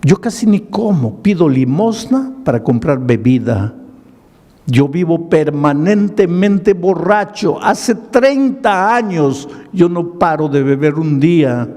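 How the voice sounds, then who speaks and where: A man's voice: fairly high pitch, dark tone, long reverb tail, voice pushed up. A man voicing a grieving homeless drunkard who confesses his past in a pleading voice. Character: grieving homeless adult male drunkard, remorseful.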